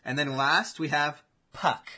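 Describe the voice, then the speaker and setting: A man hosting a casual chat, telling imagined fight matchups in an animated, swearing play-by-play. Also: on the high side, unhurried, a little hiss or hum.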